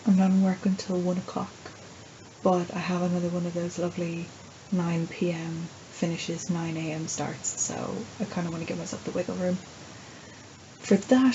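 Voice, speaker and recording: A woman's voice: fairly low pitch, warm tone. An Irish woman chatting casually to her viewers in a rambling, playful, self-deprecating video diary. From Ireland. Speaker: vlogger and writer. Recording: dull lo-fi sound, faint background noise.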